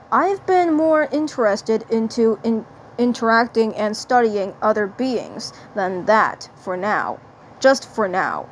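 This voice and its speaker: A woman voicing a pompous male Martian who calls himself a gentleman, in a prim, haughty, deliberate manner, reading a fan story. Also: a little high, slight background noise.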